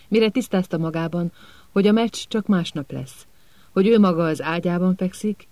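A man narrating an audiobook in a calm, measured storytelling manner. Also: sits high, no echo.

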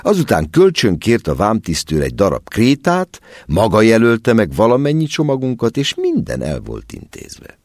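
A man narrating a story aloud as an audiobook, in an expressive storytelling manner. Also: fairly low pitch, no echo, clean studio sound. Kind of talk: scripted narration.

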